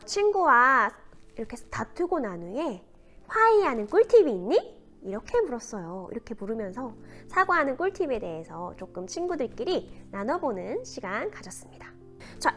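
A woman teacher reading a picture book aloud and explaining class activities in an animated, sing-song storytelling manner. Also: sits high.

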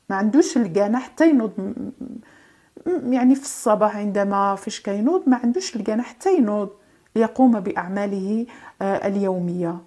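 A woman giving a tarot card reading, in gentle, reassuring, drawn-out phrases with hesitations and French asides. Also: mid-range voice. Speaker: tarot reader.

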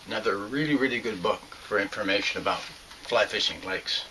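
A man's voice: fairly low pitch, brisk, pushed and bright, slight background noise. Older man giving a plain, earnest lesson. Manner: plain, earnest, with some fillers and restarts. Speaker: fly fishing instructor. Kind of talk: instructional narration. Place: small home room with shelves.

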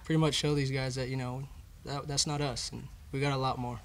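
Slight background noise runs under this indoor press conference, where a young adult college baseball player answers questions about his team with earnest sincerity. Using a table microphone, he speaks fairly quickly in a level tone at medium pitch.

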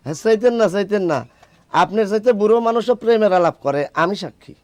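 A man's voice: high voice, expressive, fast talker, a little mellow, slight background noise. An actor playing a cheeky young phone-shop owner, wry and teasing as he sets his rules.

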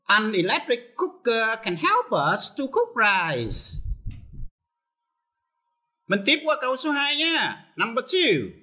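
A man teaching an English lesson on television, explaining each step slowly and patiently. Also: very high-pitched, huge pitch swings, pushed and bright. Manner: explains step by step, switching between Vietnamese and English.

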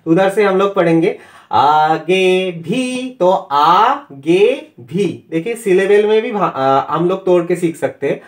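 A young man with an Indian accent and a fairly high voice teaches a harmonica lesson. He speaks patiently, explaining notation step by step, and slows down to call out note names one at a time.

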